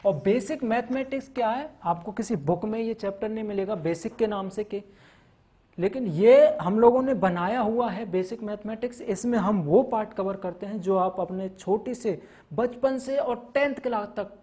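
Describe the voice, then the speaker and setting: This male maths teacher speaks at normal speed in a mellow voice that sits high. Lecturing to a class, he lists topics and explains each step in turn, slipping in English terms and repeatedly asking his students "theek hai na."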